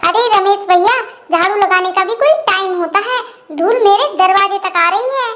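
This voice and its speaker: A high voice doing a huffy complaining neighbor man. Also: moderate pace, background noise.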